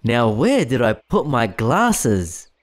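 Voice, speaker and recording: An absent-minded, friendly male character for a children's cartoon. The delivery is slow and unhurried, with very animated, swooping pitch. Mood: puzzled.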